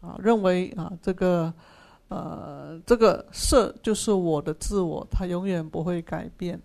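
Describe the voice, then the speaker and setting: A Buddhist sutra teacher giving a dharma class, patiently explaining Pali terms, repeating key phrases and filling pauses with drawn-out "ah"s. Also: mid-range voice, creaky, a little mellow. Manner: patient explaining of Pali terms, asks and answers own questions.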